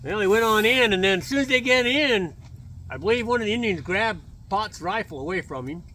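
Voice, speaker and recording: A man's voice: sits high, lively intonation, brisk, bright, forceful tone. A man telling a tale fireside style, in casual, folksy, unscripted speech with a partner. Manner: fireside storytelling, folksy and colloquial. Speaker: storyteller.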